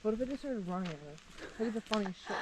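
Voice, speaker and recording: A woman's voice: medium pitch, animated, rapid-fire. A woman chatting casually with her sister on a trip, offhand and joking. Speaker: vlogger's sister. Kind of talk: casual chat. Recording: noisy outdoor background.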